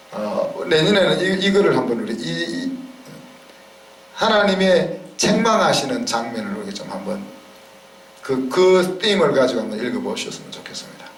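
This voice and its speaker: A man's voice: mid-range voice, a little hiss or hum. A man, a pastor, preaching a sermon in a conversational way, often checking in with the congregation. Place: church sanctuary. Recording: roomy church sound from a distance.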